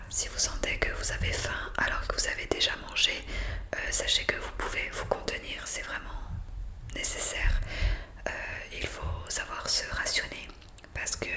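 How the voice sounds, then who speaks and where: In a breathy whisper right up against a USB condenser microphone, a woman plays a zombie intake worker for ASMR. Her explanations are improvised and hesitant, delivered in courteous, formal address.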